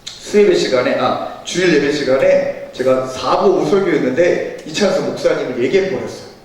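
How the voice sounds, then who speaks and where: A man's voice: fairly high pitch, moderate pace. A male church education pastor giving a teachers' seminar talk, telling stories animatedly and acting out the dialogue. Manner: animated storytelling, acts out quoted dialogue. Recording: echoey hall, from far off.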